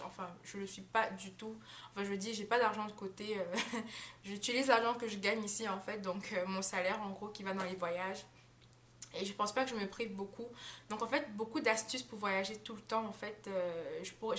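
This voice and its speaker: A young adult woman, an au pair, chats freely in a casual monthly recap vlog from her home in the United States, with many fillers, restarts, and frequent laughter. Her mid-range voice has a fairly bright tone and a little hiss or hum.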